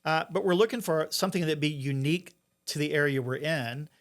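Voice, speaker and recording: A man's voice: fairly high pitch, brisk. Middle-aged man talking in an interview. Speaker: interview guest, entrepreneur and investor. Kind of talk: conversational interview, explaining.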